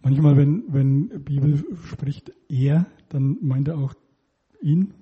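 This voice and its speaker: A man interpreting a sermon live, following the preacher closely with small hesitations and reading scripture passages slowly. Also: a little high, slightly rough, phone-quality sound.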